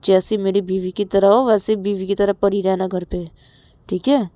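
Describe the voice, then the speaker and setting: A woman's voice: medium pitch, level tone, mellow, no room sound, close to an everyday voice. A woman voicing a domineering, threatening young male lover who gives harsh orders. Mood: menacing. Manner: harsh, menacing, rapid-fire demands.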